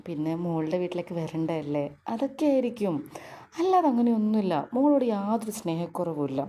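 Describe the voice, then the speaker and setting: A woman's voice: on the low side, sing-song, fairly quick, warm tone. A woman voicing a kind, doting mother-in-law who soothes and reassures. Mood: soothing. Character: kindly doting middle-aged mother-in-law.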